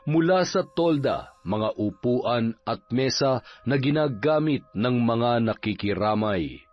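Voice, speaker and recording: A man giving steady, measured narration for a scripted horror story. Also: mid-range voice. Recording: slightly dull recording with music underneath.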